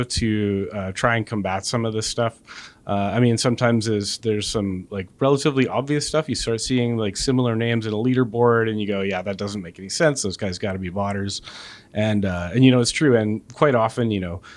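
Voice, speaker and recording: A man answering interview questions as a game developer, hesitant and full of restarts. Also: on the low side. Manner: hesitant, many restarts and fillers.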